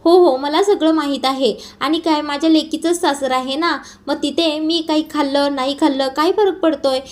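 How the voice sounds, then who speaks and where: A woman voicing a dignified elderly father who speaks firmly and in a measured way. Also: sits high, steady tone, lightly acted. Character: dignified elderly father, proud but gentle.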